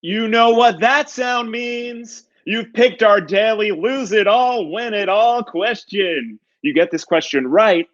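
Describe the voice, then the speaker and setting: Actor as smug male game show host, booming prize-announcer style, raised pitch, slightly muffled recording. Theatrical, drawn-out build-ups. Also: fairly bright tone.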